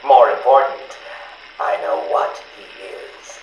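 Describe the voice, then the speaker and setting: A smug, arrogant riddle-obsessed villain sneers and mocks with lively rises and falls in pitch. He is heard played back from a cassette interview tape, condescending and theatrical. The recording sounds roomy with a faint hiss behind it. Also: slow. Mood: contemptuous. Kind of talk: video game voice acting.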